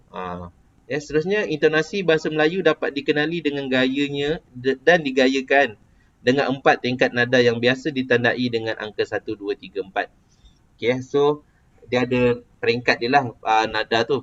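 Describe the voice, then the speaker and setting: A man's voice: medium pitch, a bit bright. A man with a Malaysian Malay accent teaching a casual lesson, explaining patiently and quizzing a student. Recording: dull lo-fi recording.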